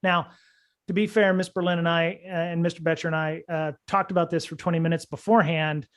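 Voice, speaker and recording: A man with a fairly high voice hosts a casual security podcast chat. He rambles, circling back with fillers and restarts as he goes. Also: flat delivery, brisk, a bit bright. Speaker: podcast host.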